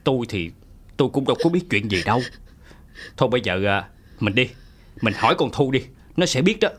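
Man playing an excitable old neighbor. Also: medium pitch, brisk. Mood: fussing. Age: older. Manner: exclaims and repeats himself.

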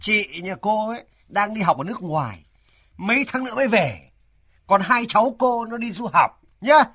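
An actor playing an anxious middle-aged son in a radio drama, talking in a hurried, fussing way with a husky voice. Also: male voice, high-pitched, animated, fairly bright tone. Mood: coaxing.

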